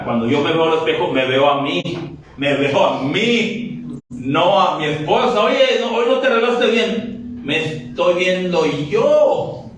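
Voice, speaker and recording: A man preaching a lively, joking sermon, acting out quick dialogues to his congregation. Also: a little high, slight background noise. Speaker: pastor. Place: church sanctuary. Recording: very echoey church from a distance.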